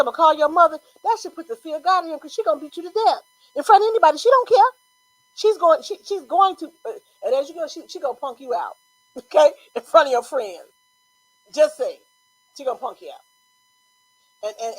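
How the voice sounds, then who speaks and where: A woman co-hosting a casual talk show, telling stories in an animated way and laughing often. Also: high-pitched, low-quality recording. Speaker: co-host. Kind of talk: casual chat.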